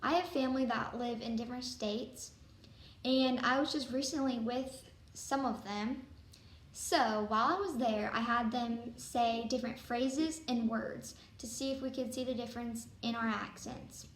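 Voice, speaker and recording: A woman's voice: fairly high pitch, fairly even intonation, unhurried, echoey room. A woman hosting a casual home video show, explaining things in a chatty way. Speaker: host.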